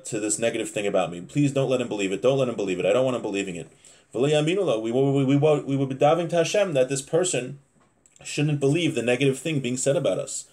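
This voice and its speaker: Medium in pitch with a darkish tone, a man in his thirties leads a casual religious lesson from a small room in his home. He reads out Hebrew phrases and unpacks them in English, repeating himself and rephrasing as he goes.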